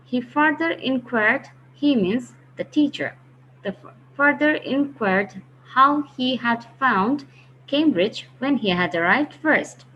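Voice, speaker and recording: In a dull, lo-fi online recording with faint hiss, a woman with a high, expressive voice walks through a grammar lesson slowly. She is patient in her explanations and restates the key phrases.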